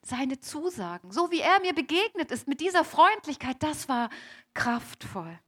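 A woman speaking in character as a young, devout Mary in a first-person sermon, slow and emphatic, repeating key phrases and addressing the congregation directly. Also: high voice, very animated, fairly bright tone, exaggerated voice. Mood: earnest. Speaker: preacher in character.

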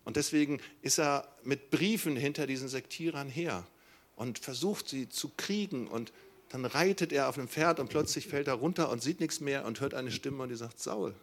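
A middle-aged man, a pastor, preaching a sermon with emphatic stresses that drop into soft, slow passages. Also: mid-range voice.

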